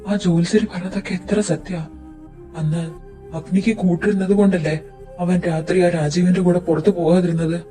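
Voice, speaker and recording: A relieved, superstitious father, voiced by a man, gives heartfelt thanks in a fan audio drama. The voice is high for a man. It sounds distant, with music faintly behind it. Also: level tone, a little fast, mellow, natural voice. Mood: grateful. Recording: roomy, distant recording with music.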